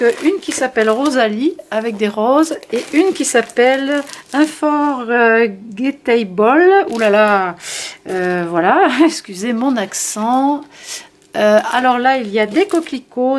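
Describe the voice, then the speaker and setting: A woman with a slightly high voice chats her way through new craft papers, pausing often on little fillers. A faint hiss and the crinkle of paper sit under her voice. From France. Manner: hesitant, many fillers, friendly. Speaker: scrapbooking shop owner. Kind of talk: casual product show-and-tell.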